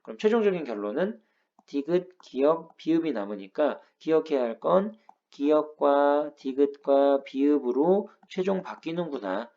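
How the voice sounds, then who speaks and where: A man's voice: a little high, mellow, highs cut off. A man teaching a grammar lesson, explaining rules patiently step by step and checking in with his students. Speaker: Korean language teacher.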